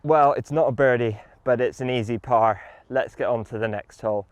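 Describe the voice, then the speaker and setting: A man's voice: medium pitch, normal speed, dry recording. A man giving an enthusiastic, casual product review while playing a round of golf outdoors. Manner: enthusiastic, upbeat.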